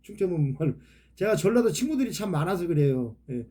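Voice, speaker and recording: A man's voice: high-pitched, big pitch swings, quick pace, warm tone, slightly rough. A man with a Chungcheong Korean accent giving a rambling, casual preaching talk, dropping a "ye" filler after almost every phrase. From Chungcheong, South Korea. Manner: rambling, peppers speech with "ye" filler.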